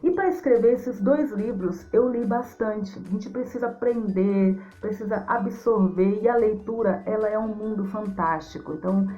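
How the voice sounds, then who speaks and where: A Brazilian woman speaks as a guest storyteller, affectionate and effusive toward a young audience. Her pitch is average for a woman. The recording is somewhat muffled and lo-fi, with music underneath. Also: moderate pace, hardly any pauses, warm tone. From Mato Grosso do Sul, Brazil. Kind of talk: interview answers for a young audience. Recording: dull lo-fi sound with music.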